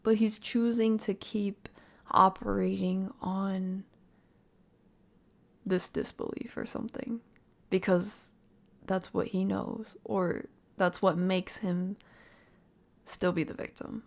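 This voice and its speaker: A woman hosting a livestream reacts to a video for her live viewers, speaking slowly at an everyday female pitch with noticeable vocal fry and frequent pauses. Her casual commentary is animated and slangy, and she analyzes what she sees by thinking aloud.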